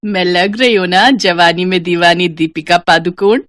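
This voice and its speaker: A woman's voice: on the low side, moderate pace, fairly bright tone, no room sound, studio quality, close to an everyday voice. A woman voicing a playful young woman who loves saris, talking in a chirpy, cheeky way.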